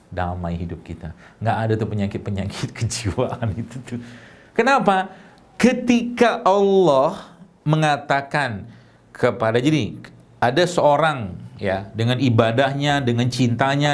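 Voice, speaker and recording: A middle-aged man, giving a sermon to a congregation. He talks like he is chatting with them and keeps asking them questions. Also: medium pitch. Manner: conversational, animated, with rhetorical questions. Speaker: preacher.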